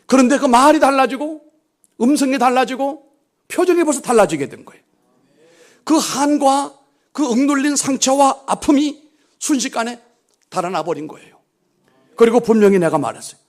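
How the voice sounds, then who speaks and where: High-voiced man preaching, hushed then loud. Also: lively intonation, moderate pace, long pauses. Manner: swings between hushed near-whispers and loud emphatic exhortation. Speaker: pastor. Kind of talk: sermon with storytelling. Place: church sanctuary.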